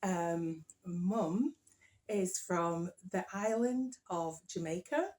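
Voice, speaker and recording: An English woman hosts a podcast built around a casual family interview, bubbly and encouraging as she nudges her guest with tag questions. Her voice is on the low side with a darkish tone, and she speaks very slowly.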